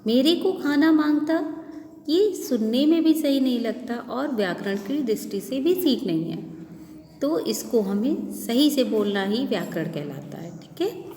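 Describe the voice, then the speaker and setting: A woman's voice: on the high side, lively intonation, mellow. A woman teacher with a Lucknow Hindi accent explaining a lesson, asking questions and answering them herself. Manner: explains slowly, asks and answers her own questions. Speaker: schoolteacher. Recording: echoey room with faint ambient noise.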